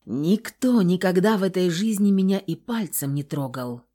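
A woman's voice: on the low side, lively intonation, normal speed, mellow. Woman tensely narrating an audiobook. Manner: tense, dramatic. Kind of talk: first-person audiobook narration.

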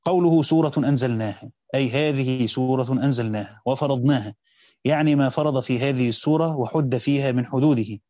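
An Egyptian man reads a classical text at a rapid clip in a mellow, dark voice. He pauses to explain grammar in a slower, conversational tone. The recording is dry and close to the mic. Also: mid-range voice, dry recording. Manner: reads quickly, slows down to explain points of grammar. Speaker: teacher reading and explaining a Quran commentary. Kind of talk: reading a classical text aloud with spoken explanations.

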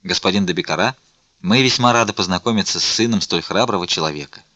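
A man reading a shrewd, witty musketeer bishop in an audiobook, wry and measured. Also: low-pitched, bright, forceful tone, no echo.

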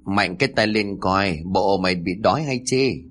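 A man voicing a nagging, sharp-tongued old mother-in-law who scolds and wails melodramatically. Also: sits low, moderate pace. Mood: abusive.

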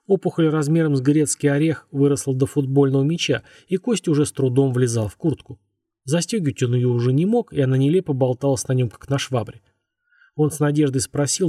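A man narrating a scripted horror audiobook in a measured, even way. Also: mid-range voice, husky, no echo, studio quality.

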